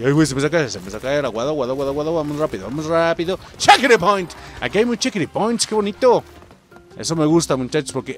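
Young Mexican gaming host, casual and chatty, voice on the higher side, lively delivery. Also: male voice. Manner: excitable, chatty, often calls out to viewers. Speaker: gaming YouTuber. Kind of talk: let's play commentary.

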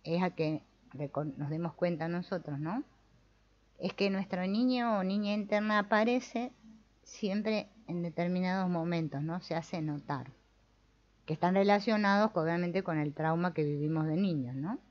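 Woman, lowish voice, calm explainer, keeps tossing in little "right?" tags, muffled lo-fi sound. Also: normal speed. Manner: calm, explanatory, frequent tag questions. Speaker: spiritual self-help video host. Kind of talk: reading aloud and commenting on a therapy case. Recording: dull lo-fi recording.

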